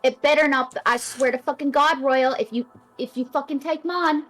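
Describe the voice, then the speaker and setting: High-pitched woman stream co-host, excitable and profane, casual chat. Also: normal speed, soft background music.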